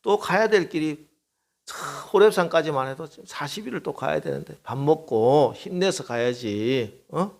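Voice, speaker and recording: A preacher voicing a gentle coaxing God. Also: male voice, a little high, expressive, normal speed. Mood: gently coaxing. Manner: soft, soothing, coaxing.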